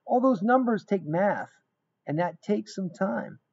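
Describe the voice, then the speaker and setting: Animated high-pitched man reading a storybook. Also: unhurried, slightly rough. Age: middle-aged. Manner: emphatic, dramatic storytelling with repeated phrases. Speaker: guest reader of a children's book. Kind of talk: expressive read-aloud of a rhyming picture book. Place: small indoor room. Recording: dull, lo-fi webcam sound.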